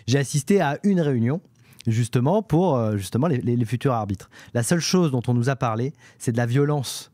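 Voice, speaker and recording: A man's voice: mid-range voice, animated, brisk, dark tone, no echo. A man speaking on a studio panel in a mid-range voice. He hesitates often, piling up fillers, then states his views firmly. The sound is close and dry. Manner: hesitant storyteller, many fillers, firm in opinion. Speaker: football pundit. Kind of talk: studio debate with anecdote. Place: television studio.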